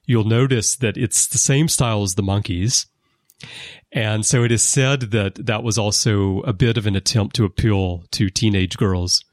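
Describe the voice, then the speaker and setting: A man hosting a casual podcast conversation, explaining background at length with lively emphasis. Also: lowish voice, moderate pace, no echo, studio quality. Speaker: podcast host. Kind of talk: casual conversation about a TV series. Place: lives in Japan.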